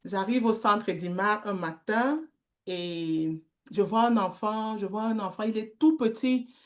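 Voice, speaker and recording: A middle-aged woman giving a testimony, telling a story in a slow, halting way with repeated words. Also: medium pitch. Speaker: guest speaker, street-children worker.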